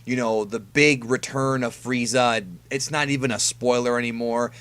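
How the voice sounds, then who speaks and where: A man with a medium-pitched voice hosts a casual fan breakdown of an anime episode preview. He talks conversationally, as if to regular viewers, stretching and stressing key words as he goes through the shots. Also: steady tone, normal speed, a bit bright, clear, resonant tone. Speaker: YouTube host reviewing an anime episode preview.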